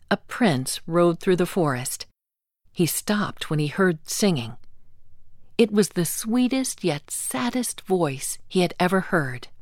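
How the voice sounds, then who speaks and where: A woman reading a fairy tale aloud as scripted storybook narration, calm and deliberate. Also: fairly low pitch, dry recording, clean studio sound.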